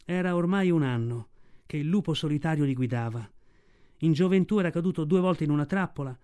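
A man narrating a story aloud in a steady storytelling delivery. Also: on the high side, brisk, clean tone. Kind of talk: audiobook reading.

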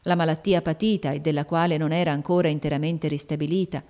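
Low-voiced woman narrating a novel. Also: fairly even intonation, fast, dark tone. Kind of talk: audiobook reading.

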